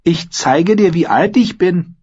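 A man voicing a bold, teasing young wildling woman warrior, raised high and blunt in manner. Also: expressive, measured pace, mellow, slightly rough, muffled recording, heavily acted. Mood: demanding. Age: 19 (figure).

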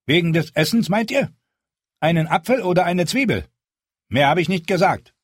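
In a close, dry audiobook reading, a man voices a shaggy wildling who is puzzled and explains himself hesitantly. The voice rises and falls in lively swings with a husky grain. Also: high-pitched, moderate pace, dry recording, pitched above the performer's own voice. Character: shaggy confused male wildling.

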